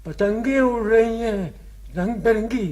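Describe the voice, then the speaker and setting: An actor playing a forgetful, childlike old grandfather in a TV drama, his speech slow and wandering. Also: very high-pitched, a little mellow. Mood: pleading. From Pakistan. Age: older. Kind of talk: broadcast TV drama.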